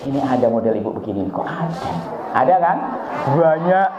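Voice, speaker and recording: A man's voice: mid-range voice, sing-song, fairly quick, music in the background. A man preaching to a live audience, acting out family dialogues and throwing out jokes and questions to the crowd. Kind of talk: religious talk to a live audience. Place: gathering hall with a live audience. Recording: echoey hall, slightly dull sound, faint crowd.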